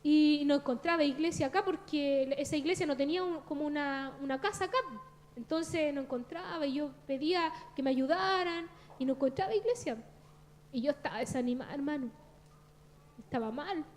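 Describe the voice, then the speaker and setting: A woman's voice: sits high, brisk, a little mellow, slight background noise. A Chilean woman in her thirties giving an earnest, confessional testimony at a church service, often addressing listeners as brother.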